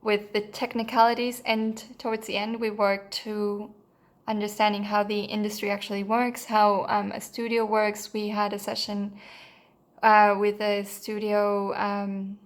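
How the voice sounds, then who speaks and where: In a flat, even, mid-range voice that runs a little slow, a Mexican woman speaks earnestly and without a script about her experience as a course participant. She stumbles often, filling gaps and restarting her sentences.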